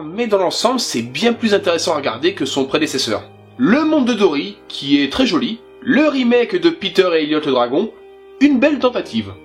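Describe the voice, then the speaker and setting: A man chatting casually and with enthusiasm as he shows his film collection, with a few fillers. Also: a little high. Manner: self-conscious about his English pronunciation. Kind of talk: casual presentation.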